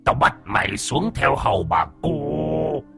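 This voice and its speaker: A man's voice: mid-range voice, very animated, slow, vocal fry, fairly bright tone, faint music behind, pitched above the performer's own voice, exaggerated voice. A man doing a menacing beast-faced ghost.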